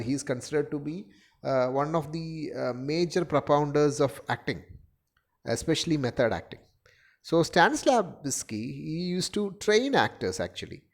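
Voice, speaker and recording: A man, lecturing university literature students and explaining at length with many fillers and restarts. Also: mid-range voice.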